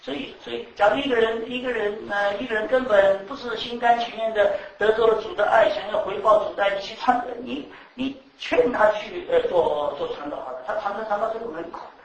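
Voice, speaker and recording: A man preaching to a class, animated, repeating words and quizzing the audience. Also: sits high, fairly quick, creaky, hardly any pauses, slight background noise. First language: Chinese. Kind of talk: sermon to a class. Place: teaching room with live audience. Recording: echoey room, mic at a distance.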